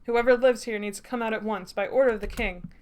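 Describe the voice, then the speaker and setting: A woman's voice: fairly high pitch, steady tone, fast talker, darkish tone, close to an everyday voice. Fields: Figure: pompous king, woman voicing him. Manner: huffy. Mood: demanding. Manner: huffy, self-important proclamations. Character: pompous greedy male king, bossy and indignant.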